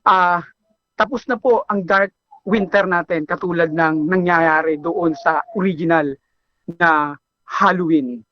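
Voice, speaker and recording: A man preaching a sermon, telling stories in an animated way and slipping into English phrases. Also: on the high side, slow, pauses often, dry recording, muffled recording. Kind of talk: Filipino sermon.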